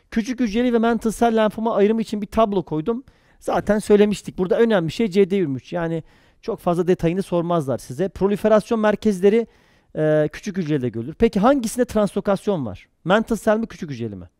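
Man, pathology lecturer, high voice, dry close sound, quizzing, jokey mnemonics. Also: no echo. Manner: quizzing, answers own questions quickly; lively, jokey asides with mnemonics. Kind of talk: exam-prep lecture.

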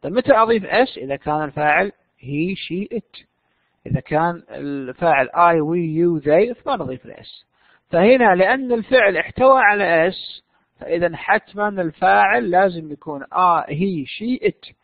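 A man's voice: high-pitched, expressive, normal speed, creaky, no echo. A man teaching an online English lesson, explaining step by step and answering his own questions. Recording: dry tinny phone-like line.

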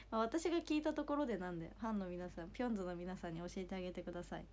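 A young woman with a hoarse voice, chatting casually on a livestream, giggling and thanking viewers by name. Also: mid-range voice, fast talker, darkish tone, a little hiss or hum. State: hoarse after two shows. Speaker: idol livestreamer reading fan comments.

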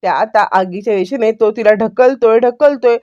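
A woman narrates the events of a TV serial in a chatty, repetitive storytelling manner and jumps into the characters' lines. Her voice is fairly high and the recording is dry. The sound is also a little dull. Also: normal speed, dry recording. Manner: chatty, repetitive, animated retelling. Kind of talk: casual story retelling.

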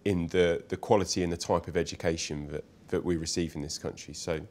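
Deep-voiced man interviewing. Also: steady tone, a little mellow. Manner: measured, agreeable questioning. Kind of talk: seated conversational interview. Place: small bright studio set.

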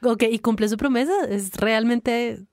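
A woman co-hosts a casual podcast, asking questions and nudging the talk along. Her voice is a little higher than most women's and sounds dry and close, with no room echo. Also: steady tone, moderate pace, darkish tone. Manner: inquisitive, prompting with questions and backchannels. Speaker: podcast co-host.

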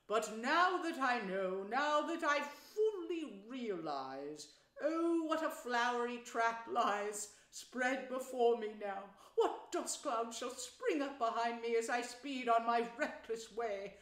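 A woman plays a rapturous, vain toad gentleman from a storybook. He swoops high and stretches his words out slowly, lost in dreamy exclamation, in an echoey room. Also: full character voice. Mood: rapturous, boastful. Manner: swooning, drawn-out exclamations.

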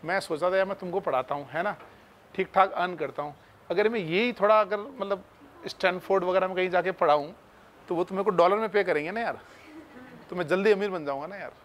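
A man's voice: sits high, brisk, fairly bright tone, slight background noise. A man teaching chemistry in a casual, chatty way, talking to his students like friends. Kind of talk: casual classroom talk.

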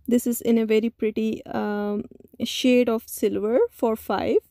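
A woman narrating a store shopping video in a voice-over, speaking slowly. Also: on the high side, flat delivery, dark tone, no echo, clean studio sound. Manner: slow, listy, with many "uh" pauses. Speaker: shopping vlogger.

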